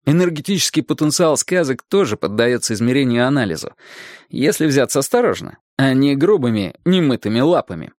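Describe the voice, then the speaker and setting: Storybook scientist, wry and easygoing, formal turns of phrase, read by a male narrator, lively pitch. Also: a little fast, dry recording, studio quality, close to an everyday voice. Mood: conciliatory. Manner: wry, conciliatory, slightly formal. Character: friendly, wry grown-up man, a scientist.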